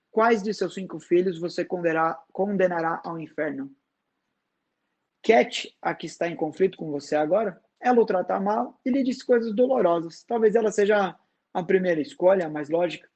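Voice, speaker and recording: A wise, serene woman, read by a man with a high voice in a dramatized book reading. She speaks softly and slowly but never gives ground. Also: slightly rough. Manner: soft, slow and firm. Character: calm wise woman, gentle and insistent.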